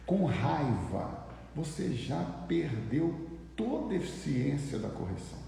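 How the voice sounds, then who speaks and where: Brief: Brazilian male pastor, middle-aged, chatty sermon, gravelly voice, lively pitch. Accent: Brazilian Portuguese. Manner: conversational, animated, with mock voices. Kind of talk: live morning sermon. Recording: echoey room with long reverb.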